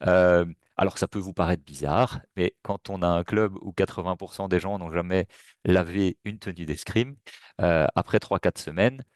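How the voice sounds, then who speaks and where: Man, very low voice, dry close sound, casual webinar talk, hesitant with lots of fillers. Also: moderate pace, no echo. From Belgium. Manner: hesitant, many fillers and restarts. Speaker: webinar presenter.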